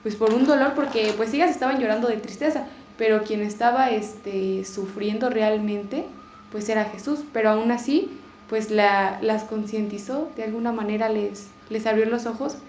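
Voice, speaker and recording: A woman talks through her thoughts on scripture, hesitant and full of fillers and restarts. Her voice is a little high. The room is echoey, with a faint hiss underneath. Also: moderate pace, darkish tone. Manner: hesitant, many fillers and self-corrections. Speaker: participant in a Bible conversation. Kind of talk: casual reflective talk.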